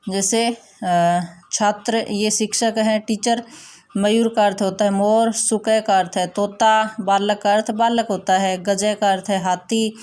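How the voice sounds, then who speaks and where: A woman teacher explaining a school lesson slowly and patiently, repeating her instructions. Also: mid-range voice, fairly even intonation, darkish tone. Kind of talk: recorded classroom lesson.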